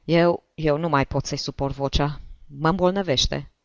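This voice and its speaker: An irritable older bank director groans and frets, as a woman reader plays him. His voice sits low, and the sound is close and dry. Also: steady tone, no echo, lightly acted. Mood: exasperated. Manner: fretful, exasperated, groaning. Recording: dull lo-fi recording.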